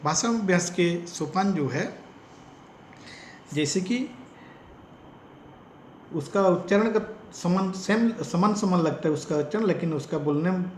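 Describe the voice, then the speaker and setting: Male teacher trainer, odia-influenced hindi, slightly high voice, echoey classroom sound. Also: slight background noise. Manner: explains slowly, repeats example sentences with stress. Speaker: teacher educator.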